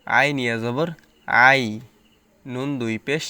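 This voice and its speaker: A man teaching Quran reading, spelling out letters and reciting words slowly between plain explanations. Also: medium pitch, steady tone, sharp tone, clean tone, dry recording.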